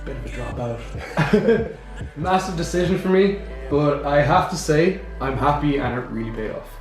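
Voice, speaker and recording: A man's voice: a little high, lively intonation, normal speed. A young man and fitness coach in casual chat, upbeat and laughing often. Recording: very echoey room with music playing.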